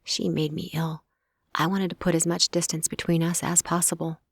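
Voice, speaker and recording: A woman narrating a first-person audiobook in a hushed, intimate way, often close to a whisper, on a close studio mic. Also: fairly low pitch, flat delivery, moderate pace, gravelly, slightly rough, no room sound.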